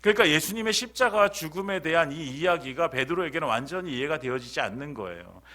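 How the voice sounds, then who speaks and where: A man preaching at a church service, his voice bright and forward. He keeps asking the congregation questions and then answers them, repeating key phrases for emphasis. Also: a little high, animated, quick pace. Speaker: pastor. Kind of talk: sermon.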